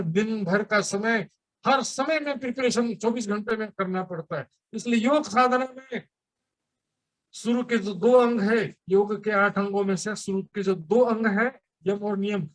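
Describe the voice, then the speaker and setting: A man with a notably high-pitched voice delivers a sermon at a temple gathering. He explains his points through homely examples and keeps asking his listeners rhetorical questions. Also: fairly bright tone. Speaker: preacher.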